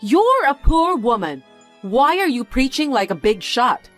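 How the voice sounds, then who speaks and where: A snobbish rich lady looks down on everyone, her tone sneering and condescending, as a woman acts her out. Her pitch swings widely from line to line in this dubbed drama. Faint music plays behind her. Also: big pitch swings, measured pace.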